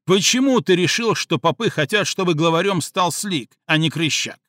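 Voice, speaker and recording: A man voicing an angry, scheming male gang rival who shouts his accusations. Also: high voice, animated, moderate pace, no echo, clean studio sound, pitched above the performer's own voice. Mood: shouting. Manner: loud, shouting.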